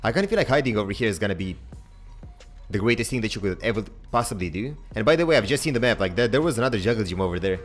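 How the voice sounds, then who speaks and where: A young man casually commentating his own gameplay, chatty and excitable, swearing now and then and talking to his viewers. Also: fairly low pitch, racing, faint music behind. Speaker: game streamer.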